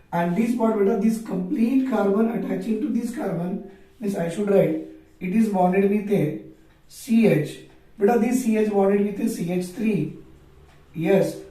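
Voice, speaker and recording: Echoey, high-pitched Indian man teaching. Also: warm tone. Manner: repetitive, checking understanding with tag questions. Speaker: chemistry teacher. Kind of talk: classroom lecture. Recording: echoey room, far from the mic.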